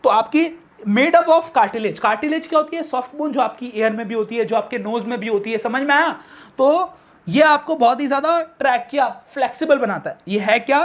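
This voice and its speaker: Here a male science teacher lectures on biology in class, his voice pitched very high. He asks questions only to answer them himself, mixes in English technical terminology, and emphasizes key terms by repeating them slowly.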